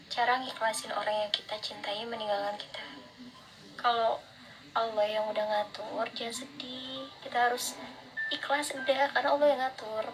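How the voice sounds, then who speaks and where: A young adult woman with a soft r that slurs toward w, reading out motivational religious lines and commenting on them in an earnest, encouraging, casual way. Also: fairly high pitch, poor audio. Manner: slurred r sounds, close to w. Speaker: vlogger. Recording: instrumental music behind the voice. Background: instrumental music.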